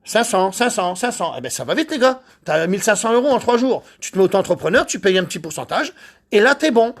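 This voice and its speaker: A man who details cars, chatting casually while he works, excitable, boastful and rambling, with a husky voice. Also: high-pitched, fast. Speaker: car detailer. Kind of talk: casual chat while working.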